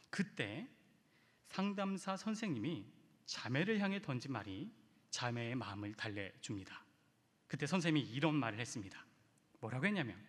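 A man, a pastor, preaching a sermon as emotional storytelling that swings between hushed, quiet passages and sudden loud surges. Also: medium pitch, breathy edge. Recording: long hall reverb.

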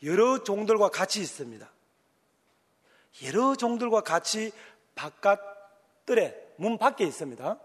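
A male pastor with a Gyeongsang accent preaches a sermon and acts out the voices in his story. His voice sits a little high, and it rings with a long echo, as from a church hall. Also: very animated, unhurried, pauses often, fairly bright tone, breathy edge. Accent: Gyeongsang Korean.

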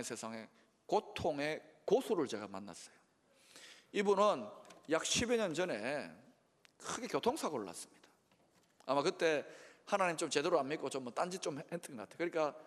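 A male pastor preaching a sermon and often turning to the congregation with rhetorical prompts. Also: a little high. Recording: long reverb of a large hall.

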